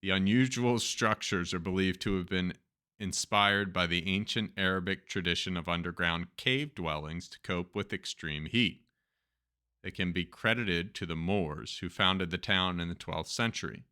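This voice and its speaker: A man's voice: low-pitched, moderate pace, bright, forceful tone, clear, resonant tone. A man with a Turkish accent who hosts a show, reading news stories aloud and adding chatty, joking asides. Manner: reads text then adds chatty, joking asides. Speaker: host.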